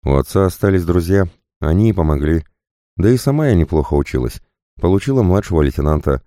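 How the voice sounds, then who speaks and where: A man's voice: deep voice, expressive, fast talker, dark tone, no room sound, clean studio sound. A man reading an audiobook voices a serious, dignified young woman in her twenties who serves as a junior state security officer. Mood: earnest. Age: young adult. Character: earnest proud young woman, Soviet officer.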